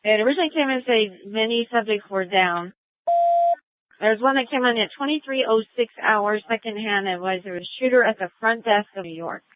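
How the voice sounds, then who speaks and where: A woman's voice: on the high side, fairly quick, no room sound. A woman police dispatcher reads out businesslike reports over scanner radio. Her voice sounds muffled and dull, with no room around it. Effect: police scanner radio transmission. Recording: dull, dry radio audio.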